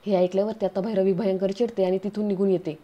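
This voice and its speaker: A woman's voice: mid-range voice, fast, highs cut off. A woman retelling a TV serial episode, talking directly to her viewers as friends. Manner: steady recounting, addresses viewers as friends. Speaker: serial recap vlogger.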